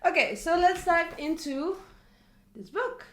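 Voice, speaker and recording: A young Dutch woman vlogs casually on camera about a book she has read, tossing in plenty of asides. Her voice is very high-pitched with lively intonation, and she speaks slowly. The recording has an echoey room sound.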